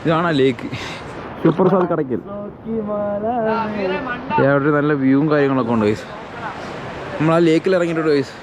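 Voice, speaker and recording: A man's voice: fairly high pitch, fairly quick, long pauses, noisy background. A young man with a Malayali accent chatting casually to viewers as a travel vlogger, mixing Malayalam with English words and phrases. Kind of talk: casual vlog chat to viewers. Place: outdoors around a hill town and forest. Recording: outdoor street sound with background chatter.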